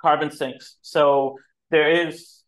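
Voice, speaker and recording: Male guest, 30s, slightly high voice, rambling and argumentative, heavy on fillers. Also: little pitch movement, takes it slowly, poor audio. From India. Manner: hesitant, full of fillers, argumentative. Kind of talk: casual discussion.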